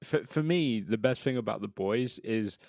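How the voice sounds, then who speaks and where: A man's voice: fairly low pitch, moderate pace, creaky, darkish tone, no echo, studio quality. A British man co-hosting a podcast, chatting casually in a talkative, opinionated way with some swearing. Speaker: podcast co-host.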